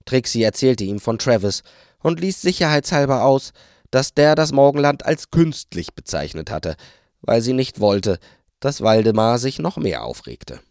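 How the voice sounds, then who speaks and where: A man narrating an audiobook in a calm, measured storytelling manner. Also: medium pitch, no echo, studio quality. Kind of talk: audiobook reading.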